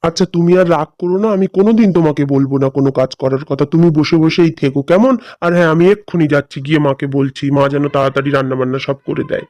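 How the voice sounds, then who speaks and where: A man's voice: fairly high pitch, racing, hardly any pauses, a little mellow, dry recording, natural voice. A man voicing a selfish, impatient grown son. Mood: placating. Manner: impatient and blunt. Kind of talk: cartoon voice acting.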